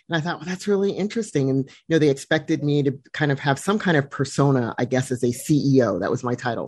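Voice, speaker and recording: A soft-spoken woman who laughs often, reflecting aloud and leading a group discussion. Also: deep voice, dry recording, clean studio sound. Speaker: discussion facilitator.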